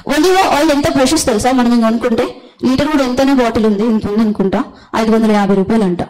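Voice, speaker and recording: A woman preaching a sermon, blunt and forceful, often calling out hallelujah. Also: a little high, fast talker, low-quality recording.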